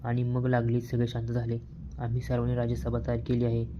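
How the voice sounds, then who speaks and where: A man reading a novel aloud as its first-person narrator, steady, with small restarts now and then. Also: mid-range voice, brisk, noisy background. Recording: dull, slightly lo-fi sound.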